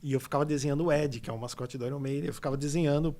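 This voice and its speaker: This illustrator from São Paulo state, Brazil, fires off his stories rapidly in a mid-range voice as a guest on a casual podcast interview. With his São Paulo Portuguese accent, he rambles in an animated way, leaning heavily on fillers.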